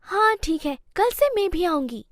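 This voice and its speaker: A woman's voice: a little slow, noisy background, full character voice. A woman voicing a spoiled, defiant young wife in a cartoon story, whiny and snappish. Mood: complaining. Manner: whiny and snappish, lively pitch.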